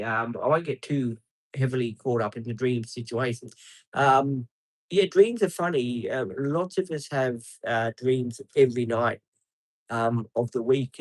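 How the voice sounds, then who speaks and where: A man's voice: medium pitch, dry recording. A man, live streaming outdoors beside traffic and chatting casually with viewers, rambling with many ums and answering people by name. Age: 50s.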